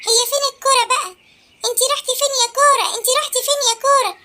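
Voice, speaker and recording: A voice actor playing a cocky young male animal footballer in an Egyptian cartoon, high and excitable with an Egyptian Arabic accent. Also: racing, slight background noise, heavily acted. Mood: cheerful.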